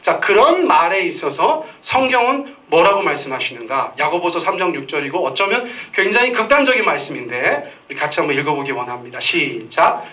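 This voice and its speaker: A man's voice: on the high side, big pitch swings, fairly quick, hardly any pauses, bright, forceful tone, far from the mic. A middle-aged man preaching a Sunday sermon, telling stories and acting out the voices of the people in them. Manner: storytelling, acts out quoted voices. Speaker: pastor. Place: church sanctuary.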